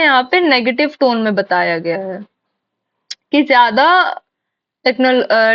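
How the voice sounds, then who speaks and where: A woman's voice: sits high, lo-fi sound. A woman teaching an exam-prep lesson, explaining step by step and asking and answering her own questions. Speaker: English teacher.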